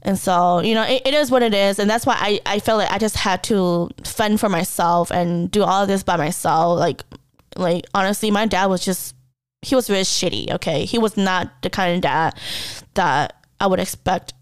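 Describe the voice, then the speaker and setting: A woman's voice: mid-range voice, moderate pace, smooth, no room sound. A young woman podcast host telling a personal story candidly, blunt and emotional with heavy swearing, close to tears at times. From Hmong community.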